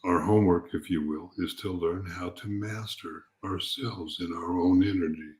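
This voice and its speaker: A man giving an unscripted spiritual talk as a teacher, calm, gentle and reflective, speaking haltingly and repeating words as he goes. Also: low-pitched.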